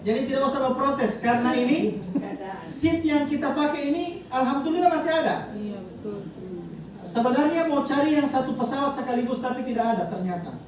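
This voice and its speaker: A travel agency director with a North Maluku accent, briefing a group of pilgrims at a send-off event, explaining with many pauses, fillers and repeated details. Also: sits high. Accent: North Maluku (Ternate Malay). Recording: very echoey hall, distant mic, crowd behind.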